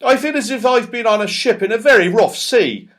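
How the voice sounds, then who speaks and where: A man voicing a muddled, hard-of-hearing storybook fellow who speaks loudly and emphatically, oblivious to what was said. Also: very high voice, animated, fairly quick, pitched above the performer's own voice. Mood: confused, loud.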